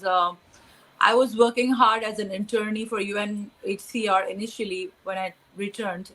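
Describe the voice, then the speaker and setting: A young Pakistani woman answers interview questions as a guest, her medium-pitched voice fairly bright. She sounds hesitant, with many fillers and restarts, and the recording is rough.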